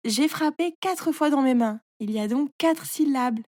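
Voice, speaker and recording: A brash young hare from a storybook, bragging loudly in a fairly high, bright tone, as a woman reads him. He sounds proud of his big leaps, with dry, close sound around him. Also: expressive, a little slow, no room sound. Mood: eager. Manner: brash, boastful.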